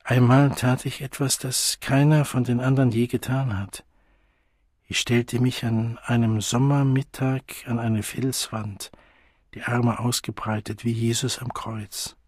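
A lonely, earnest young outcast, wounded and searching, read by a man in an audiobook. He speaks slowly and confidingly in a husky voice. The sound is dry and close. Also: mid-range voice, dry recording. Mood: hushed.

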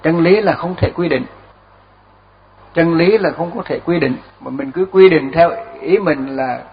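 Older monk giving a chuckling dharma talk. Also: male voice, fairly high pitch, measured pace. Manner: relaxed storytelling with chuckles and repeated words. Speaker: Buddhist monk teacher. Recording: dull lo-fi recording.

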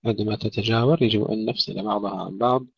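A man teaching Quran recitation rules in a tajweed lesson, deliberately repeating words to model the correct pronunciation. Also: fairly low pitch, fairly even intonation, creaky, slightly rough, no echo, highs cut off.

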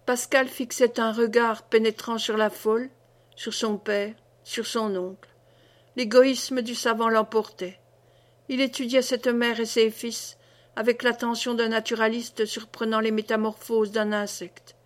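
A woman reading a classic novel aloud as an audiobook, with dramatic, measured narration. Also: fairly high pitch, flat delivery. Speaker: audiobook reader. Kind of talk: scripted narration.

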